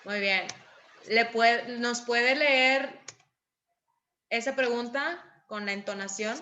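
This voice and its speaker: A woman teacher giving a class, patient and encouraging, calling on pupils and reading examples with clear intonation. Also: on the high side, slow pace, pushed and bright, highs cut off. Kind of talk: online class lesson.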